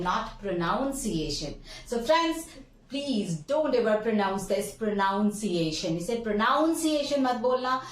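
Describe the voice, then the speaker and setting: Lively high-voiced woman teaching. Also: echoey room, recorded from a distance, low-quality recording. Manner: addresses viewers as friends, repeats words slowly. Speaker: English teacher. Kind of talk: Hindi-English pronunciation lesson.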